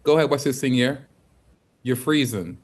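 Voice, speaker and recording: Man, livestream host, upbeat, chatty, laughs easily, mid-pitched voice. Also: animated, moderate pace. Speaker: co-CEO and host. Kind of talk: casual livestream chat. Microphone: video call.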